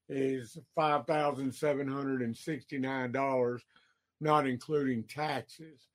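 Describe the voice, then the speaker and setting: Slow, halting man explaining costs. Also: medium pitch. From Georgia, USA. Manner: slow, halting, many ums and uhs. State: has the hiccups. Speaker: electrician podcast host. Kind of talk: casual explanatory podcast.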